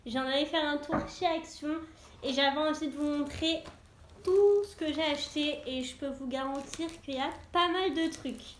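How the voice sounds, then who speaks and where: With a high voice at normal speed, a young beauty vlogger chats in a casual, eager way, full of fillers. There's a little hiss or hum, and the room echoes.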